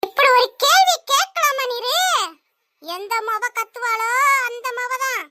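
A woman voicing a loud, nagging cartoon mother. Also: extremely high pitch, a little slow, full character voice. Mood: furious. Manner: shouting, scolding, sarcastic. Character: angry nagging village mother, loud and quick-tempered. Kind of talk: cartoon voice acting.

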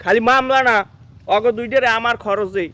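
A man's voice: very high voice, moderate pace, pushed and bright, no echo. A man playing a jilted, lamenting groom. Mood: bossy. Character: jilted man whose bride ran away.

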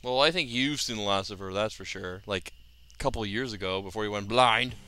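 A man's voice: on the low side, fairly quick, bright, forceful tone, clean tone. A man giving casual Let's Play commentary with joking, sarcastic asides. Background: game music.

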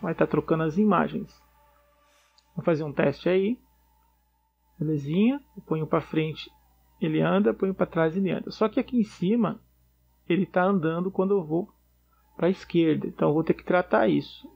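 A man talks through a coding tutorial in a relaxed, step-by-step way, often checking in with the listener. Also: fairly high pitch, normal speed, vocal fry, pauses often, husky, dull audio. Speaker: programming tutor. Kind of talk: casual screencast coding tutorial.

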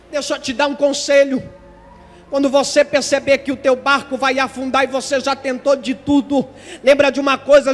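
A man preaching a passionate, repetitive sermon that often rises to shouting. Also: extremely high pitch, in a large hall.

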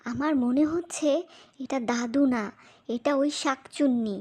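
A woman's voice: sits high, unhurried, a little mellow. A woman voicing a bold, protective young girl, a clever elder sister, in a fairy-tale audio drama with a spirited childlike delivery. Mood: urgent, plotting.

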